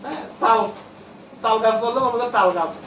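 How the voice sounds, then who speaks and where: Man teaching a class, high voice, keeps asking the room questions, roomy classroom sound from far off. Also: a little fast, a bit bright, slight background noise. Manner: repeats terms and quizzes the class. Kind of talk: classroom lecture.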